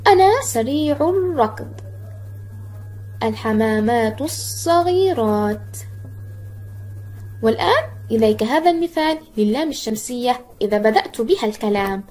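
A woman teacher giving a recorded lesson for children, encouraging and addressing the pupil directly, stretching words out slowly when she models how they sound. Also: high-pitched, darkish tone, breathy edge. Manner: slow, carefully drawn-out syllables when modelling words.

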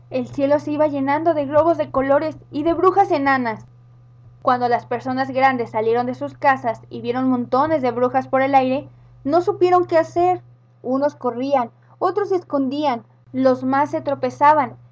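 A woman with a Rioplatense Spanish accent reads a children's story aloud in a high, bright-toned voice, acting out each character. The recording sounds dull and lo-fi. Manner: lively, acts out the characters.

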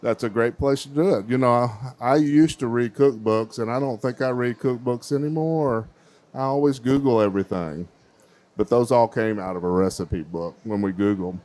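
Speaking at a moderate pace, this middle-aged contest host has a mid-range voice with a slightly dark tone. He holds a mic in a large fair hall and interviews young bakers at a children's baking competition, keeping things chatty and upbeat.

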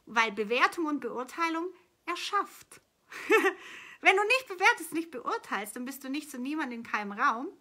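A woman's voice: high-pitched, big pitch swings, measured pace, bright, forceful tone. A middle-aged woman giving an earnest, flowing spiritual coaching talk, answering viewer questions and repeating phrases for emphasis. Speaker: manifestation coach.

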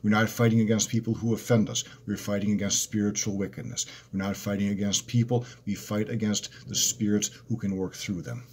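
A man's voice: on the low side, little pitch movement, brisk, few pauses, a little mellow, slightly rough. A man giving a devotional sermon, reading scripture and repeating key phrases in an earnest, emphatic way. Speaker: minister.

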